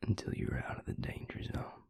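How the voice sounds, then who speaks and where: Here a man, speaking in a natural, slightly mellow voice, portrays a guilt-ridden, weary vampire who used to be a healer. Confiding in his mate through a husky, halting near-whisper, he delivers a slow, brooding confession as a hushed monologue for an intimate roleplay drama, and the mood is heavy and subdued on a dry recording.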